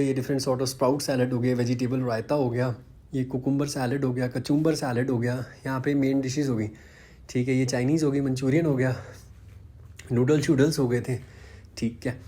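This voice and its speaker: Chatty man with a mellow voice. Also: mid-range voice. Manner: chatty, peppers speech with "bhai sahab"; mixes English phrases into Hindi. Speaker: vlogger. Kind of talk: casual vlog walkthrough narration.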